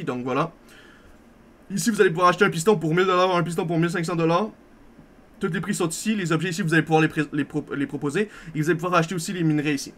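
A young man gives a rapid, rambling tour of his game server. His voice sits a little high, and he keeps correcting himself with upbeat asides. Faint keyboard typing sounds behind him. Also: a bit bright, a little hiss or hum. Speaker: server owner giving a tour. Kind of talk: casual gameplay walkthrough.

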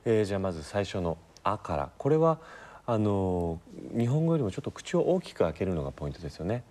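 A man taking part in a language lesson, polite and lively, repeating sounds clearly. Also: low voice, fast. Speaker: studio learner. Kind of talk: casual lesson talk.

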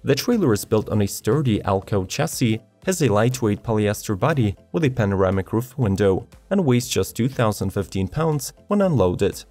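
A man narrating a scripted product video in an even, measured read of specifications. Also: fairly low pitch. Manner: even, measured reading of specs. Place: studio voice-over. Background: faint background music.

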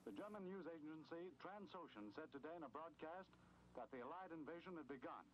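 A man's voice: fairly high pitch, lively intonation, brisk, slight background noise, rough recording. A man announcing a wartime news bulletin in a formal, clipped manner, heard as an old radio broadcast.

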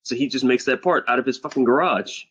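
A man's voice: mid-range voice, quick pace, a bit bright, slightly rough. A man co-hosting a casual group podcast, explaining things in a laid-back way and swearing casually. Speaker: podcast co-host. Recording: muffled lo-fi podcast audio.

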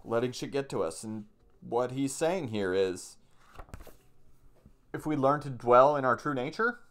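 A man around forty, a down-to-earth meditation teacher, reads from a book at home in a small indoor room, explaining things casually and going back over points to stress them. He speaks in a mid-range voice, expressive, a bit bright and a little slow.

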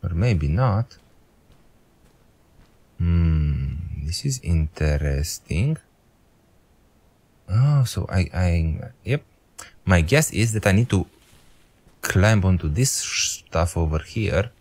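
A deep, slightly rough and somewhat mellow male voice with lively intonation belongs to a young Romanian-first-language game commentator. He goes slowly with frequent pauses, talking to the game, thinking aloud, mocking his own intelligence, and begging the game for mercy.

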